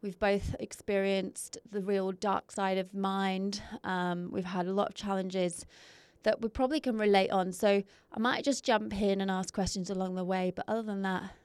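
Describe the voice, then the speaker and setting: A woman host with a smooth, resonant voice of middling pitch, recorded dry and close. She talks in a friendly, encouraging conversational way, with the odd filler. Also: steady tone, moderate pace, a little mellow, dry recording. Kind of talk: conversational podcast talk.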